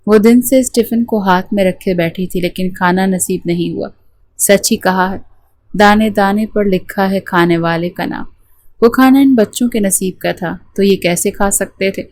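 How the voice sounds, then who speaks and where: A woman narrating a romance novel as an audiobook, with steady storytelling. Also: mid-range voice, moderate pace.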